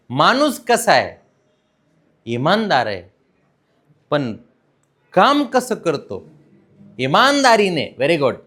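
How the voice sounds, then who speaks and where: A man with a Marathi accent teaching a class, slipping English words in among his own. His voice sits a little high and swings widely in pitch. He talks slowly and keeps asking his students questions. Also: a bit bright. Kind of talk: classroom lesson.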